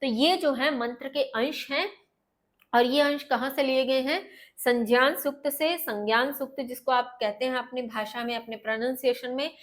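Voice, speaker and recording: Woman, teacher, going word by word thru a lesson, kinda high voice. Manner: slow, word-by-word translation with repeated glosses. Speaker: Sanskrit teacher. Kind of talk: explaining a textbook lesson line by line.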